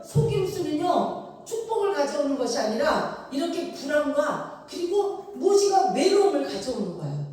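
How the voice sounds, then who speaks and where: Woman pastor, sermon, high lively voice, heavy hall echo, distant mic. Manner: animated storytelling, acting out quoted lines with big pitch swings. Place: church sanctuary. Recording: echoey hall picked up from far off.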